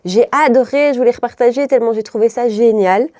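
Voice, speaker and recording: A woman's voice: a little high, fast talker, a little mellow, no echo, studio quality. A woman from Belgium with a mild Brussels accent, chatting through a makeup tutorial in a rambling way, often stopping herself and laughing. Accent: Belgian French, mild Brussels. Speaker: beauty vlogger.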